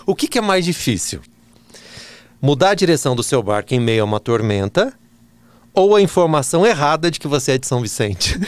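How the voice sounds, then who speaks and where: A man hosting an interview, firing off teasing quick questions and laughing often. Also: mid-range voice, very animated, dry recording. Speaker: interview host, radio presenter. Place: bookstore in a shopping mall.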